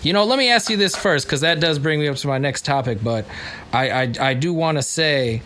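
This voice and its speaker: Guy hosting a chill philosophy podcast, thinks out loud, jokey, faint hum of room noise behind. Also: a little high, brisk. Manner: musing, searching for words, jokey. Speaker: podcast host. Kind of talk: casual philosophical chat.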